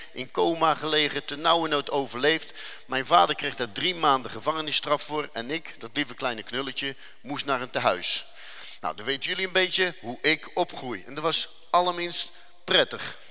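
A man's voice: a little high, pushed and bright. Earnest man telling his testimony in a reverberant hall. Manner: earnest, dramatic storytelling with slowed emphasis. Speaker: speaker giving a faith testimony. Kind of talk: personal testimony.

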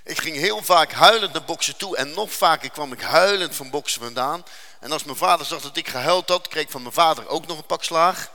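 Man, testimony speaker, earnest and dramatic, slowing for weight, bright voice. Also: on the high side, in a large hall. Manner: earnest, dramatic storytelling with slowed emphasis. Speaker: speaker giving a faith testimony. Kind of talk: personal testimony.

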